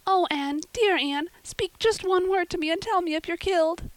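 A woman voicing a devoted young girl who speaks in a shrill, pleading way. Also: animated, a little fast, dry recording, lightly acted. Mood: frantic.

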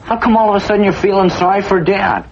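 A man's voice: high voice, fast, slightly rough. A young male actor with an American accent playing a skeptical, matter-of-fact teenage older brother in a 1950s family sitcom. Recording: muffled, very noisy old TV soundtrack.

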